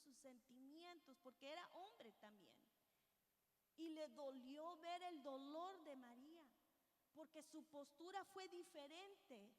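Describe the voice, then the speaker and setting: A woman's voice: sits high, a bit bright, long reverb tail. A woman preacher reading scripture and giving an earnest, reflective sermon to her congregation. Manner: reflective, earnest, addresses listeners as brothers and sisters.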